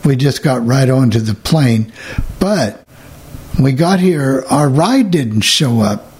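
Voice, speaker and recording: Folksy guy host rambling along slow, bit of a rough husky voice, casual chat. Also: medium pitch, expressive, darkish tone. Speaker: show host.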